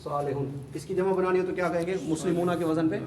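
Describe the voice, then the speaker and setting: A man's voice: a little high, steady tone, darkish tone. A man teaching Arabic grammar to a class, repeating word forms and putting questions to his students. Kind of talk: classroom lesson. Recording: echoey room, mic far off, faint hum.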